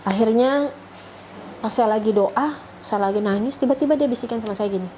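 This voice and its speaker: A woman's voice: fairly high pitch, brisk, dark tone, slight background noise, poor audio. A middle-aged woman, telling her story as a mother in a personal testimony, emotional and acting out what others said. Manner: emotional, acts out quoted speech in a raised voice. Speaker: mother sharing a faith testimony.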